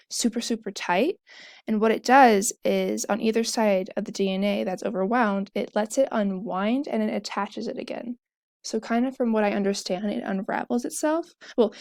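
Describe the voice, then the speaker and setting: A woman's voice: on the high side, creaky, darkish tone, no room sound, studio quality. A young woman talking casually, explaining a topic step by step while she draws, often correcting herself mid-sentence. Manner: chatty, self-correcting, fillers and asides.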